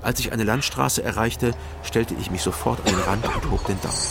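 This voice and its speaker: Narrating a crime radio drama in the first person, an actor voices Frank Doberschütz, a wry, guarded East Berlin private detective and the story's lead. His delivery is measured and dry, his voice lowish and gravelly, and the recording very noisy.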